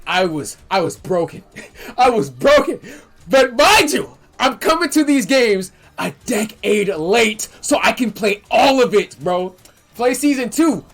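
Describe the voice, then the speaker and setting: Young male streamer, high and expressive, emotional chatty storyteller. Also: soft background music. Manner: animated, emotional, talks fast with slang and self-interruptions. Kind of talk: casual storytelling.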